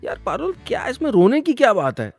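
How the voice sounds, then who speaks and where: A man's voice: very high voice, huge pitch swings, fairly quick, creaky, no echo, clean studio sound, faint music behind, voice pushed up, full character voice. A man playing an exasperated young boyfriend. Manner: exasperated, pleading.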